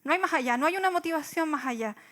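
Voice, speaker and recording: A young woman with a Chilean Spanish accent preaching a sermon in a high voice. She talks reflectively, poses rhetorical questions and often pauses on fillers. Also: lively intonation, fairly bright tone. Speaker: church speaker.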